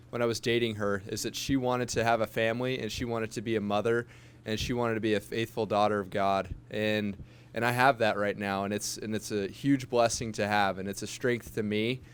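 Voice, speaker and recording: A man's voice: lowish voice, clean tone. A man in his twenties speaking sincerely and plainly on a panel. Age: 20s. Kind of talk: casual panel answers.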